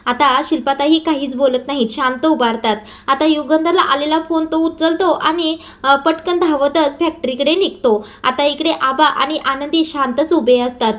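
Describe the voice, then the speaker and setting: High-voiced woman retelling a serial episode. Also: moderate pace, hardly any pauses. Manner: steady storytelling, starts lines with "now". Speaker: serial recap narrator. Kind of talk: episode recap narration.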